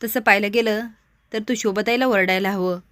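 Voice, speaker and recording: A woman's voice: mid-range voice, fairly even intonation, a little fast, fairly bright tone, no echo, clean studio sound, close to an everyday voice. A woman doing an indignant young woman. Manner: indignant, raised voice. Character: sharp-tongued young woman defending her sister-in-law.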